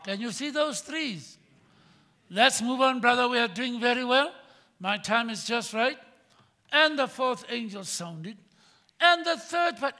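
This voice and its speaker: An older man preaching a sermon from a church pulpit, swinging between loud emphatic bursts and quiet asides. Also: very high-pitched. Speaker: pastor. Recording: long hall reverb.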